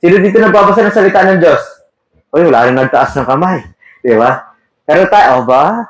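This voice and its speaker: High-voiced preacher in an echoey room. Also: male voice, animated, a little fast. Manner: asks the audience questions, switches between Tagalog and English terms. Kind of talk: sermon with Bible reading.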